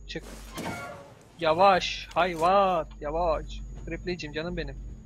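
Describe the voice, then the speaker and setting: A young man giving casual let's-play commentary, excitable, talking to himself and swearing at the game. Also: a little high, slow pace, slight background noise. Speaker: gameplay commentator. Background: game music.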